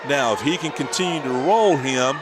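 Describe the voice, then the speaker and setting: A man, a coach giving color commentary on wrestling, who talks in a halting, agreeable way. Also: medium pitch, a crowd in the background. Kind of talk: high school wrestling commentary. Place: school gym.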